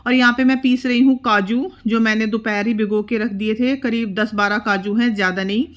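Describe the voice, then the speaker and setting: A woman's voice: a little high, fairly even intonation, brisk. Chatty woman narrating her cooking. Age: middle-aged. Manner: chatty, step-by-step explaining while cooking. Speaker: cooking vlogger. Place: home kitchen.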